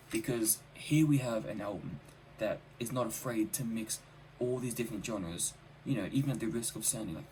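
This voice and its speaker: Casual male music reviewer, keen and emphatic, on the lower side, with light noise behind the voice. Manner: enthusiastic, emphatic with repeated phrases. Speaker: album reviewer.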